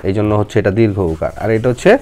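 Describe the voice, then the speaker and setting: A woman's voice: extremely low pitch, fast, mellow. A woman, teaching a child a lesson in a patient, coaxing, step-by-step way. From Bangladesh.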